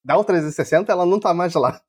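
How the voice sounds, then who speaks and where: A man with a Brazilian Portuguese accent, co-hosting a casual gaming chat in a relaxed way, swearing often. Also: high-pitched, racing, breathy edge. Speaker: podcast co-host.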